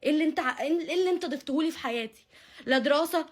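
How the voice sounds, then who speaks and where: A woman's voice: sits high, rapid-fire. A young Egyptian woman speaking heatedly and indignantly to camera, often repeating her phrases. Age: young adult. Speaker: vlogger. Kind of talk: angry personal confession to camera.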